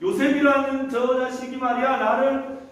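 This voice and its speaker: A shrill, scheming middle-aged lady of the house, as a man puts her on, crying out accusations high and loud in a children's Bible story. The voice rings through an echoey church hall, picked up from a distance. A faint hiss sits underneath. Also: flat delivery, moderate pace. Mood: shrill accusing. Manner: shrieking false accusations.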